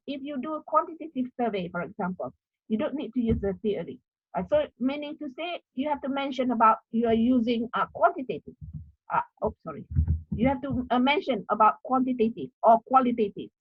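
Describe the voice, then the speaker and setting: A woman's voice: high-pitched, breathy edge, no echo, dull audio. A woman from Malaysia with a Malaysian accent, giving a lecture on academic writing, with frequent "uh" fillers and a checking "okay?". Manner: repeats and restarts, many "uh" fillers and checking "okay?". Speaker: university lecturer. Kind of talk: academic workshop talk.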